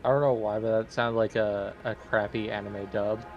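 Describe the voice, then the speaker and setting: A man's voice: fairly low pitch, level tone, normal speed, over music. A man playing a tabletop game in casual chat, heard through slightly lo-fi audio.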